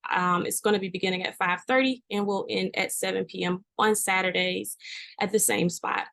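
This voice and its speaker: A woman presenting her small dance business at an open mic, pausing often with ums. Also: medium pitch, fairly even intonation, gravelly, fairly bright tone, dry recording. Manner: hesitant, with many ums. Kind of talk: casual self-introduction.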